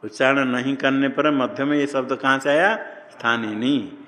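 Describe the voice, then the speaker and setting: A man teaching Sanskrit grammar in a slow classroom lecture, posing questions and answering them himself. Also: medium pitch, fairly even intonation, pushed and bright. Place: ashram classroom. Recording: long hall reverb.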